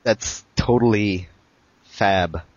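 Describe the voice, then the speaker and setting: A man hosting a casual prank video chat, talking in a deadpan, teasing way. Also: lowish voice, drawn-out words, no echo. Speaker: host of random video chats. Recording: dull lo-fi sound with faint noise.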